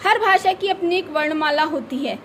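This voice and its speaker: Woman teacher, very high voice, patient explaining, faint hiss behind. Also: moderate pace, a bit bright. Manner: patient, repeats key words, asks and answers own questions. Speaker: school teacher. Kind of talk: explaining a lesson to children.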